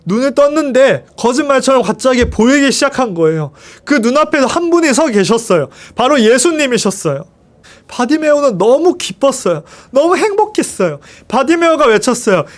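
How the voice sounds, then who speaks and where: A man leads a children's worship service. His voice sits unusually high for a man. He tells the Bible story in an animated, expressive way and keeps asking the children questions. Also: normal speed. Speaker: children's ministry teacher.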